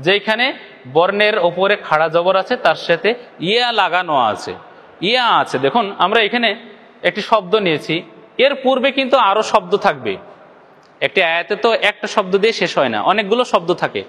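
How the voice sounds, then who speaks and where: A man's voice: high-pitched, expressive, brisk, fairly bright tone, big-room sound. A man from Bangladesh teaching Quran recitation step by step, asking questions, answering them himself and stretching out demonstration syllables to the viewers. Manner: addresses viewers directly. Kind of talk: step-by-step lesson.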